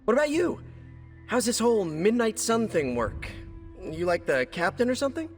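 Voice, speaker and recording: A young American superhero, a nerdy college kid with a highish, very animated voice. He is chatty and friendly, joking his way through game cutscene dialogue in stops and starts. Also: normal speed, soft background music. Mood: upbeat, joking.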